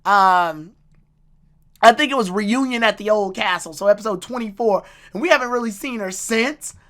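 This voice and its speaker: A woman giving a casual, excitable recap and review of anime episodes, breaking into laughter and correcting herself as she goes. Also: medium pitch, moderate pace. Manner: excitable, laughs out loud, restarts and self-corrects.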